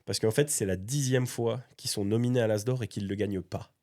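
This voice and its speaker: A man's voice: lowish voice, fairly even intonation, a little fast, darkish tone. A man from Valais hosting a casual, teasing chat about a game library and laughing often. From Valais, Switzerland. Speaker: host.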